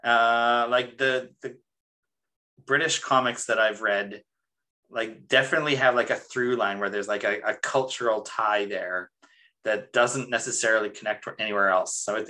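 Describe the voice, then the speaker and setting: A man's voice: fairly low pitch, steady tone, normal speed, pushed and bright, low-quality recording. A man co-hosting a casual book-club podcast, explaining at length and using lots of "like". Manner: talkative, explanatory, heavy on "like". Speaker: podcast co-host.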